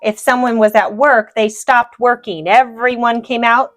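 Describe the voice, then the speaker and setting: An American woman gently prompting as interviewer in a casual family conversation. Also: on the high side, steady tone, unhurried, faint music behind. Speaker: interviewer, granddaughter.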